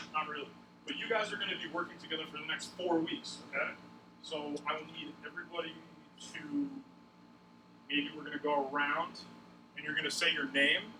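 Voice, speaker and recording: Long Island man teaching, echoey and distant. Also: fairly high pitch. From Long Island, New York. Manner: conversational, checks in with short questions. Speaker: coding instructor. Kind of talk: informal classroom teaching. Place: classroom, addressing a group. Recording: noisy echoey room, distant mic.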